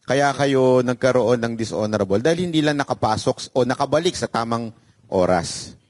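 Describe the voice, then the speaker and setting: Animated male interviewer. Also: mid-range voice, moderate pace, no room sound. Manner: animated, leading questions seeking agreement. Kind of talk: questioning interviewer.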